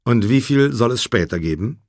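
Ein hartnäckiger, drängender Anwalt im Kreuzverhör, von einem Mann gelesen, laut und etwas höher als die Erzählstimme, mit lebhaft springender Betonung. Er bohrt unnachgiebig nach und lässt nicht locker. Eine trockene, nahe Hörbuchaufnahme ohne Raumhall. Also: male voice, mid-range voice, animated, moderate pace, no room sound, clean studio sound, natural voice. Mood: pressing. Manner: insistent, cross-examining. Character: sharp, pressing male lawyer, relentless questioner.

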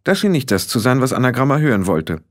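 A man narrating a story in calm, scripted audiobook reading. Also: medium pitch, fast.

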